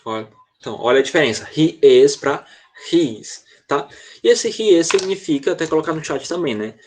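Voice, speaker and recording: A man's voice: on the high side, sing-song, fast. A man with a Brazilian Portuguese accent teaching an online class to children, explaining patiently and checking in often over a video call. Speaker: English teacher.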